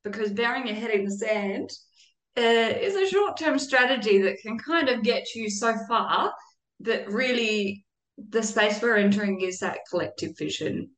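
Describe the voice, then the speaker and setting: A woman's voice: mid-range voice, echoey room, rough recording. A woman guest speaking earnestly and reflectively about care and community in a conversational interview. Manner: earnest and reflective, with occasional laughs.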